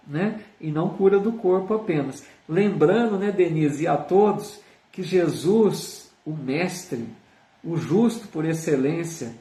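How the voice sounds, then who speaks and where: This is a man's voice, a little high and warm in tone, with a Brazilian Portuguese accent. He runs a live online Spiritist study, teaching with earnestness, frequently tacking on tag questions and reading out viewer comments. He sits far from the microphone in a roomy-sounding space.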